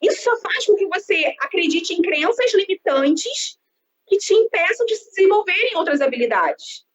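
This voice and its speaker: A woman's voice: very high voice, moderate pace. A woman in her thirties with a Brazilian Portuguese accent, a sales and marketing consultant speaking in an expansive, outgoing way as a guest on a live-streamed interview. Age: 30s. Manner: expansive, lively, self-described outgoing talker. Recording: dull lo-fi sound with faint background noise.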